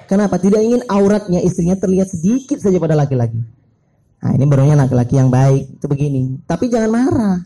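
A middle-aged man delivers a lively sermon in a high voice with a very dark, mellow tone. He keeps the mood light with playful asides to his listeners. His manner is that of a preacher talking casually with his audience. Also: low-quality recording. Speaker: Islamic preacher.

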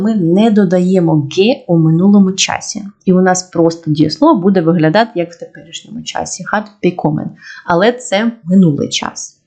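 Female language teacher, mid-pitched voice, clear step-by-step explanations, slows for examples. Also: a little mellow. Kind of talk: online grammar lesson.

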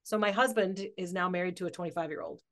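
A woman in her forties, an author and coach, appears as a podcast guest in a casual interview chat. She talks fast in a fairly low voice, thinking aloud as she goes and laughing often.

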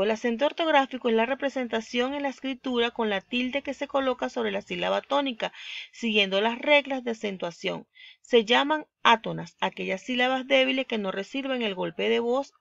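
A woman teacher with a Venezuelan accent who gives a recorded online lesson, speaking slowly and deliberately and stressing the example words. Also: fairly high pitch, vocal fry, a bit bright, dry recording, highs cut off.

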